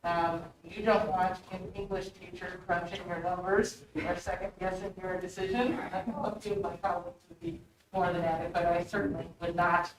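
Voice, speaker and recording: A woman speaking up in a loud, projected teacher voice as she gives public comment at a meeting. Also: lowish voice, fairly even intonation, moderate pace. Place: indoor public meeting room. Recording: very echoey room, distant mic, faint noise.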